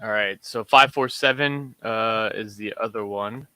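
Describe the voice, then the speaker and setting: A man's voice: on the low side, unhurried, clean tone, rough recording. A man co-hosting a comic book show, talking casually with lots of fillers while he shows covers. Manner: relaxed, many fillers while showing covers. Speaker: co-host of a comic order show. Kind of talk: casual chat.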